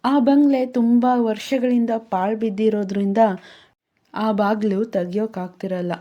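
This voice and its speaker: A woman storyteller who narrates calmly and steadily. Her voice is warm and mellow, and the recording is dull and lo-fi. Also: fairly high pitch, measured pace. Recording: dull lo-fi sound.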